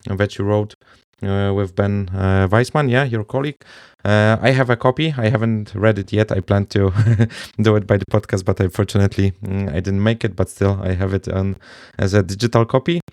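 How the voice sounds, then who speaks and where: A man hosts a podcast interview, talking in a low, gravelly voice. He speaks haltingly, with many fillers. His voice sounds dry and close. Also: darkish tone, dry recording. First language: Polish. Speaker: podcast host. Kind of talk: casual interview hosting.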